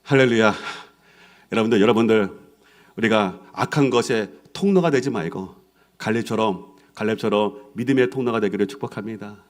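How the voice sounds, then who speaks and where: A male pastor preaching a sermon in an animated way, acting out the voices of the people in his stories. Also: lowish voice, a little fast. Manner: animated, acts out quoted voices.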